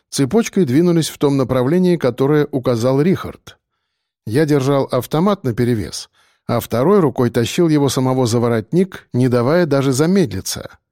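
A male audiobook narrator with a dark, mellow timbre, telling a first-person story in a steady and tense way. The recording is dry and close, with no room around the voice. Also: mid-range voice, dry recording.

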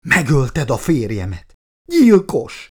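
A man voicing a young woman in shock at her husband's death in an audiobook, with shrill, desperate outbursts. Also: sing-song, warm tone, breathy edge. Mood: screaming. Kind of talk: audiobook character voice.

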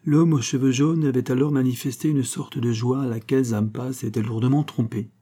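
A man narrating a classic novel as an audiobook, in a measured, unhurried way. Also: mid-range voice, steady tone, mellow, slightly rough.

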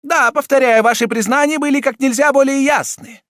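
A man voicing a wrathful, scheming elderly Italian cardinal who shouts and hectors. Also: very high voice, a little fast, no room sound, studio quality, voice pushed up. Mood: insistent.

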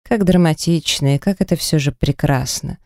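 A woman's voice: sits low, normal speed, a little mellow, no echo, studio quality. A woman voicing a scheming male kidnapper in an audiobook, speaking in a mocking, triumphant way. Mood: gloating.

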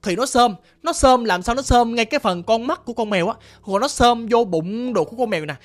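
Woman storyteller, chatty ghost-story narration straight to listeners, slightly high voice. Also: lively intonation, brisk. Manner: chatty, addresses listeners directly.

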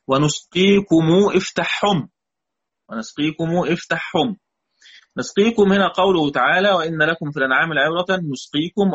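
A man's voice: a little high, a bit bright, breathy edge, highs cut off. A man with an Egyptian accent teaching a recorded lesson on Quranic readings, patiently repeating key words and quizzing his students. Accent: Egyptian Arabic.

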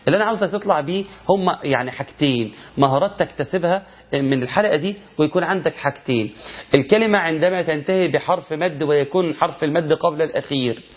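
Egyptian male teacher, fairly high voice, patient explainer of recitation rules, dull lo-fi sound. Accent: Egyptian Arabic. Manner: explains with rhetorical questions, chants verse examples slowly. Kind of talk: tajweed lesson.

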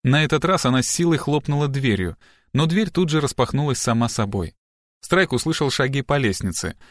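A man reading a novel aloud as audiobook narrator in an even, measured way. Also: mid-range voice, dry recording, clean studio sound. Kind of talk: scripted narration.

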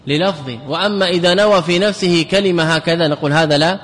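A man's voice: sits high, fast talker, a bit bright. A man teaching a grammar class, repeating words to drill them and putting questions to his students. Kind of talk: classroom lecture. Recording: lecture hall with long reverb.

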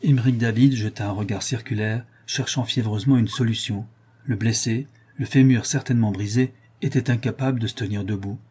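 Dark husky male audiobook narrator. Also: fairly low pitch, fairly even intonation, brisk. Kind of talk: scripted historical novel narration.

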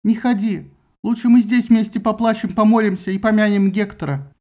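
A man's voice: sits high, brisk, mellow, dull audio, voice pushed up. A man voicing a grieving old queen who wails and pleads. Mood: wailing. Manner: wailing, pleading.

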